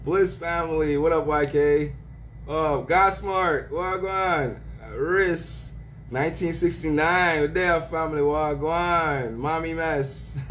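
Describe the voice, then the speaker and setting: A man hosting a casual livestream, greeting viewers by name with slang shout-outs and laughing often. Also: fairly high pitch, a little hiss or hum. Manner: laughs often, drawn-out words. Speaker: livestream host.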